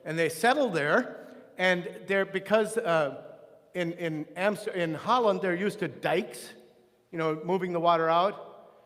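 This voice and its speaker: A man with a fairly high voice teaches a Sunday school class on church history. He talks in a loose, conversational way, restarting phrases and wandering into asides. The sound carries a long reverb from a church hall. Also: a little slow, a bit bright. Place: church room.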